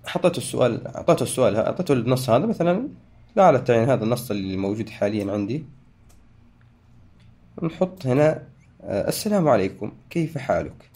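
A man hosting a software tutorial, talking through each step and correcting himself as he goes. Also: medium pitch, big pitch swings, fast talker, long pauses. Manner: talks through steps, frequent restarts and self-corrections. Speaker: tutorial host. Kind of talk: screen-recorded software tutorial.

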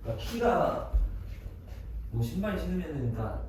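A man's voice: fairly high pitch, big pitch swings, moderate pace, darkish tone, heavy reverb, far from the mic, a little hiss or hum, rough recording. A young man in a comedy skit, talking in a flustered, pleading way with lots of stammering.

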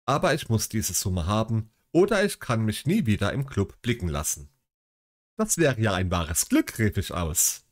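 A man's voice: on the low side, huge pitch swings, moderate pace. A man reading the lines of a spoiled young son pleading for money in a storybook.

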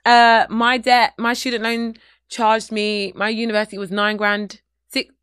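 An English woman in her thirties, a comedian chatting as a podcast guest, telling animated stories and laughing often. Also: a little high, a little slow, smooth, dry recording, clean studio sound. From England. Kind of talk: casual podcast chat.

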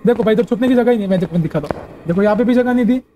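A man's voice: sits high, rapid-fire, a little hiss or hum, poor audio. A young man giving jokey, easily frightened commentary while playing a horror game. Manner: jumpy, jokey, often shouting in fright. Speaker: gaming streamer.

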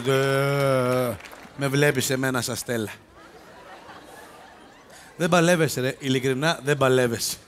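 As the sketch lead in a live comedy on an open-air stage, a male actor portrays a domineering police self-defence instructor, ridiculing and berating the rest of the cast. His medium-pitched voice is slightly bright and lightly acted, with slight background noise.

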